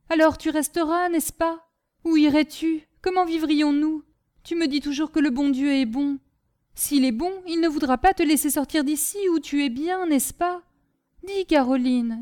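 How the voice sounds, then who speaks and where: Gribouille, a simple-hearted young servant boy, eager and rambling, with a raised, innocent pitch, as a woman reads him. His voice is warm and mellow, and it sits dry and close. This is storybook reading. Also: dry recording. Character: simple-minded, earnest young male servant.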